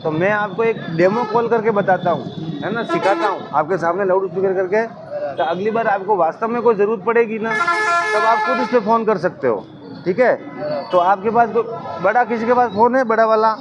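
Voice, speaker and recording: A man's voice: sits high, fairly quick. A man, explaining a labour helpline to workers outdoors, patiently repeating himself. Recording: muffled, crowd noise.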